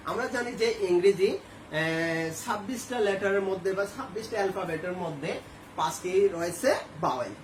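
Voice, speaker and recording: A man's voice: high-pitched, a little fast, slight background noise. A male Bangladeshi school teacher explaining a grammar lesson step by step, asking questions and answering them himself. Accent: Bangladeshi Bengali. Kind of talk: classroom lesson to students. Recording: echoey room, faint ambience.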